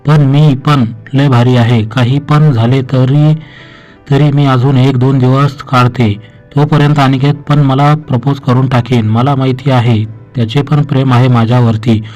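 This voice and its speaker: A man's voice: medium pitch, level tone, measured pace, lo-fi sound, soft background music, close to an everyday voice. A man voicing a young woman who begs her friend to let her stay a few more days. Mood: pleading. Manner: pleading, quietly defiant.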